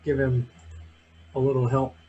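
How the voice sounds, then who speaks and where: A man's voice: medium pitch, completely flat delivery, measured pace, dark tone, lo-fi sound, slight background noise. A man hosting a casual video call, joking and teasing the other participants. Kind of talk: casual chat.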